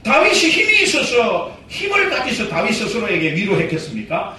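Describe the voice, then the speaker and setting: A man preaches a sermon in a strikingly high voice that leaps up and down. He pushes hard on his exhortations and then drops to quiet asides. The recording is very echoey and distant, with faint noise behind. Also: huge pitch swings, normal speed. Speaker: pastor. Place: church sanctuary. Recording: echoey hall, voice heard from afar, faint noise.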